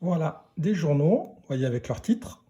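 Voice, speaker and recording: A man teaching young children to read, sounding out syllables slowly and deliberately. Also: on the high side, expressive, mellow, muffled recording. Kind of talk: reading lesson for young children.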